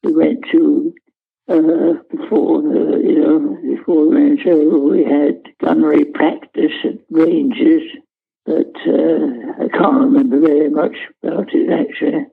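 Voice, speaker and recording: An elderly man, a war veteran, remembering in an interview in a halting, understated, matter-of-fact way with searching pauses. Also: fairly high pitch, steady tone, vocal fry, husky, phone-quality sound. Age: elderly, 90s. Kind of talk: unscripted interview reminiscence.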